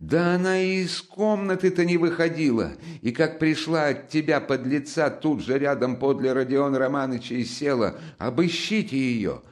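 A man's voice: mid-range voice, normal speed, hardly any pauses, voice pushed up, lightly acted. A man reading an audiobook, voicing a frantic, destitute middle-aged woman who screams insults. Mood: hysterical. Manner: hysterical, scolding, screaming insults.

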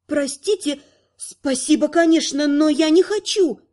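A woman's voice: high-pitched, a little slow, a little mellow. A woman voicing a hesitant, shy young female necromancer student.

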